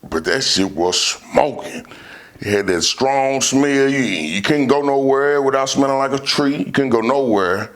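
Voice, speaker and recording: A man's voice: mid-range voice, measured pace, fairly bright tone. A man telling stories casually in a laid-back, rambling stoner manner, repeating himself and using heavy slang and swearing. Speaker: vlogger. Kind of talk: casual storytelling to camera.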